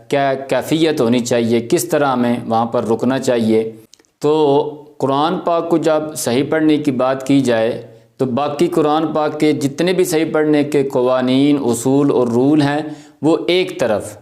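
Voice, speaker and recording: A man's voice: on the high side, darkish tone. A man teaching a Quran recitation lesson, explaining patiently with everyday examples. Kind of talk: tajweed lesson.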